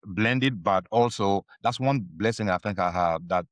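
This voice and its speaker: This Ivorian podcast guest, whose first language is French and who carries an Ivorian French accent, responds to casual interview questions haltingly, leaning on many fillers. His lowish voice moves at a measured pace in a clean, dry studio recording.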